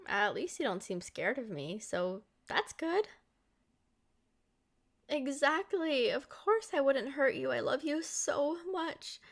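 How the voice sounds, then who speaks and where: Slow and tender, the vampire girlfriend character, ancient but young in appearance, pours loving affection on the listener in this ASMR roleplay. The woman's voice is high-pitched and heavily acted, and her sweet delivery stays expressive.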